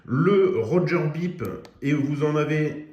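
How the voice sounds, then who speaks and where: A radio equipment reviewer gives a casual product demo of a CB radio, speaking directly to viewers in a chatty way full of fillers. His voice sits on the high side, slow and a little mellow. The recording is muffled, from an echoey room with faint noise.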